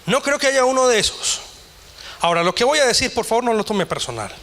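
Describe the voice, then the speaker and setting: A man's voice: very high voice, very animated, brisk, bright, forceful tone. A man preaching a sermon as pastor, quoting scripture and imagined voices as his intensity rises. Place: church.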